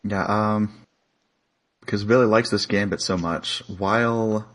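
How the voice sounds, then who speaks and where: A man's voice: on the low side, steady tone, a little slow, fairly bright tone. A man playing a tabletop role-playing game, talking in a laid-back, matter-of-fact way. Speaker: player. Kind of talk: casual tabletop play.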